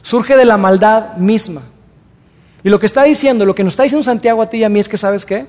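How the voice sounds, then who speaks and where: A man preaching a sermon as pastor, in a conversational way, acting out everyday excuses in quick asides. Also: sits high, a little mellow. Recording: long reverb of a large hall.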